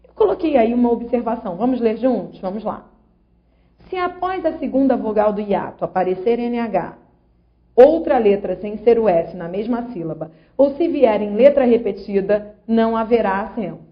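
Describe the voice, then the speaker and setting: A woman's voice: fairly high pitch, expressive, moderate pace. A woman grammar teacher, explaining rules patiently and sounding out syllables one by one. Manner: patient, syllable-by-syllable explaining, asks viewer along. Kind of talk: online grammar lesson. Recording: slightly dull lo-fi audio.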